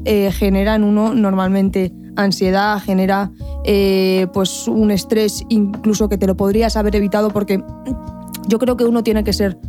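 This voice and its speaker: A woman's voice: medium pitch, warm tone. A woman co-hosting a casual podcast, laughing easily and explaining her ideas thoughtfully. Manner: laughs often, reflective when explaining. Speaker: podcast co-host. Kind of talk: casual chat.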